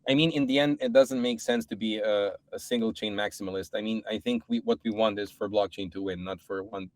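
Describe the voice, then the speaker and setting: A man's voice: on the low side, fairly even intonation, fairly quick, no echo. A man from Serbia, a podcast guest, talking in a casual, thoughtful way with many restarts. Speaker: podcast guest, startup co-founder. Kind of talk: casual chat.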